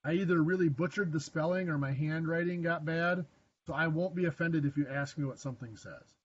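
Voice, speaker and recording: A man's voice: a little high, brisk, muffled recording. A man teaching a math lesson to a class, quizzing students and making dry, self-deprecating jokes. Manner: asks the class questions. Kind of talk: classroom lecture.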